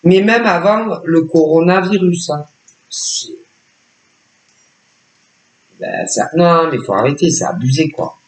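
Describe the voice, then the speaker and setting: A man talks through a tarot reading in an unhurried, halting way, circling back and repeating himself with constant fillers. His voice sits a little high for a man. The room around him rings with noticeable echo. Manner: hesitant, repetitive, full of filler words. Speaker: psychic reader. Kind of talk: casual spoken tarot reading.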